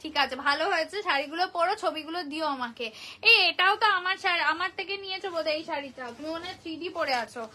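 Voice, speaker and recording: Chatty high-voiced woman selling saris live. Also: rapid-fire, bright, forceful tone. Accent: Bengali from Kolkata. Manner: chatty, repeats prices, greets viewers by name. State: tired voice. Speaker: saree seller hosting a live sale. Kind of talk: casual live-stream sales chat.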